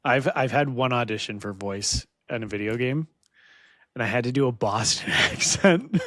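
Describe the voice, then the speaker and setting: A man's voice: mid-range voice, lively intonation, normal speed, fairly bright tone, no echo. A man co-hosting a podcast in casual conversation, telling stories in a laughing, self-deprecating way. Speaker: podcast co-host. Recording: dry close sound.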